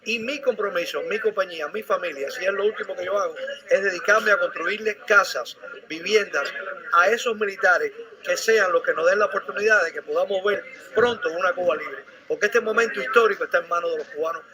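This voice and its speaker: A man's voice: sits high, brisk, low-quality recording. A man speaking earnestly to reporters in a played news clip, repeating phrases for emphasis. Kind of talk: speaking to press. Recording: news clip with crowd noise.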